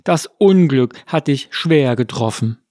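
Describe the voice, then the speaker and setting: A man voicing an agitated crowd of villagers in a storybook reading, with excited, lamenting delivery. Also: mid-range voice, unhurried, no echo, clean studio sound, natural voice.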